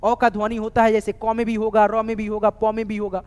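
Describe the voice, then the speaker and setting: A man's voice: high-pitched, completely flat delivery, brisk, darkish tone, clear, resonant tone. Man, teacher, spells words letter by letter, checks in often with listeners, reverberant room. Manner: keeps saying "doston" and "theek hai", spells words out letter by letter. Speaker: English teacher. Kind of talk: spoken lesson with repetition.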